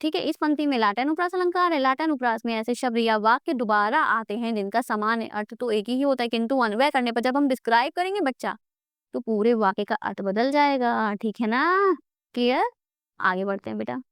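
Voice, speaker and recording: A woman's voice: a little high, fairly quick, smooth, no room sound. A woman teaching an exam-prep grammar lesson on a close mic, coaxing her students and asking herself questions before answering them. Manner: addresses students as "beta".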